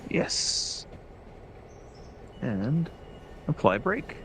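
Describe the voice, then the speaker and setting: A man's voice: on the high side, very animated, drawn-out words, gravelly, slight background noise. A man playing a train game with friends, chatting casually in a playful, teasing way and offering bits of trivia. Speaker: fellow player. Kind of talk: casual gameplay chat.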